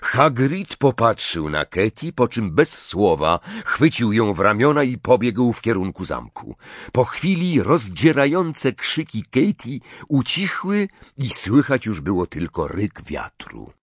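A man reading a story aloud as an audiobook narrator, in an expressive, dramatic way. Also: medium pitch, measured pace, husky, no echo. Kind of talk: scripted narration.

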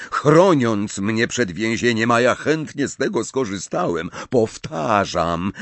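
Guy reading as calm cold wizard man, slow and bored, lively pitch swings. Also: no echo. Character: cold sardonic male wizard, middle-aged, controlled.

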